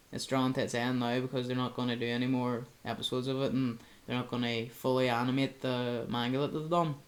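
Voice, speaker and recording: A young man, co-hosting a casual chat and rambling with lots of filler words. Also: medium pitch. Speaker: podcast co-host.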